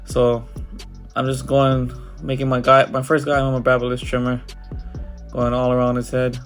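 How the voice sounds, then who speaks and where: Soft music plays in the background as a man with a cold narrates a haircut tutorial, his nose clearly congested. His medium-pitched delivery is completely flat and moderately paced, and he keeps things casual, loose, and full of fillers.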